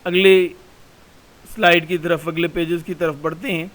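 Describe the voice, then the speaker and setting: A man's voice: a little high, little pitch movement, a bit bright, rough recording. A man, a college lecturer, reading a passage aloud in a recorded class and explaining it word by word.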